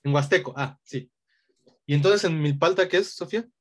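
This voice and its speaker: A man's voice: on the high side, moderate pace, fairly bright tone. A man teaching an online language lesson, explaining patiently and often checking in with a questioning tag.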